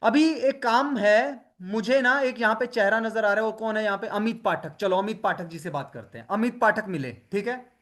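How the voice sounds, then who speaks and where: A man coaching an online webinar group in an energetic way, calling on participants by name and asking rhetorical questions. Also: sits high, normal speed. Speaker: motivational coach leading a webinar. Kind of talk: lively Hindi webinar talk to online participants.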